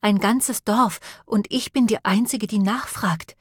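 A woman's voice: medium pitch, measured pace, slightly rough, no room sound, clean studio sound. A woman reading an audiobook and voicing an earnest, pious village woman who talks in an urgent, brooding and preachy way.

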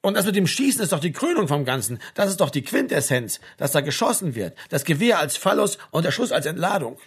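Opinionated young woman, lecturing, read by a male narrator; husky, animated. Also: a little high, fairly quick, pitched above the performer's own voice, heavily acted. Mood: insistent, lecturing.

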